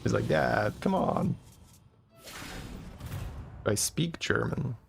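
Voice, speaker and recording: During live gameplay commentary, a Belgian man, Dutch-native with a Flemish accent, reasons through his plans out loud and checks them with "right?". His mid-range, creaky voice moves slowly with lively intonation, backed by faint game music.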